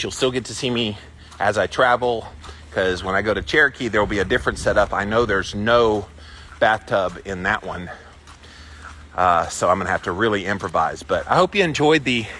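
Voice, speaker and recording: A man vlogging live in a casual, upbeat way, talking to his viewers in halting short phrases. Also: on the low side, fairly bright tone. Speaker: vlogger livestreaming a daily ice bath challenge. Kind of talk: casual chat to livestream viewers. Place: villa on vacation, in and around bathroom. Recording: background noise, sometimes echoey small room.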